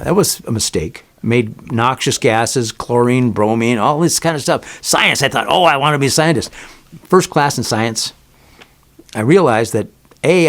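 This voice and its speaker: An older man reminiscing in a casual interview, rambling and self-deprecating with chuckling asides about his years in theater. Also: mid-range voice. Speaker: interviewee, longtime theater set designer.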